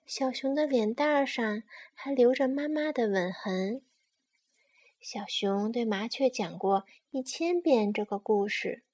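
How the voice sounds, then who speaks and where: Woman, bedtime story reading, gentle, unhurried, high voice.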